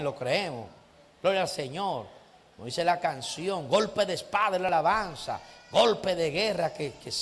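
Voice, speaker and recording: Bright-voiced preaching pastor, church reverb. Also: male voice, high voice. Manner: preaches with rising shouts and frequent "amén" and "gloria a Dios". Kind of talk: sermon. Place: church sanctuary. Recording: long hall reverb.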